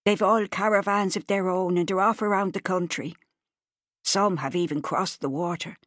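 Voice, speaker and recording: A woman's voice: lowish voice, steady tone, normal speed, a bit bright, no room sound, clean studio sound. A woman reading an audiobook, voicing a kindly, chatty old traveller woman, homely and motherly.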